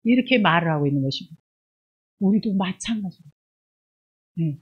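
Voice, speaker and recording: A woman pastor preaching an expository sermon. She reads scripture aloud in a raised, emphatic voice, then explains it in a lower conversational tone full of rhetorical questions. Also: lively intonation, normal speed, husky, muffled recording.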